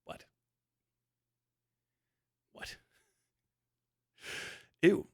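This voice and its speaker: With a mellow voice and drawn-out words, an American man hosts a livestream and rants off the cuff while responding to chat. His delivery is blunt, profane, exasperated and argumentative, and he repeats points to drive them home.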